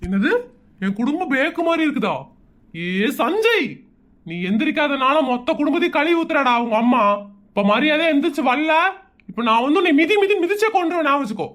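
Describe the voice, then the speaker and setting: Cartoon comedy: performer as a harried father, voice pitched fairly high, blustering and grumbling. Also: very animated, brisk, fairly bright tone. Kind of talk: Tamil cartoon comedy dub.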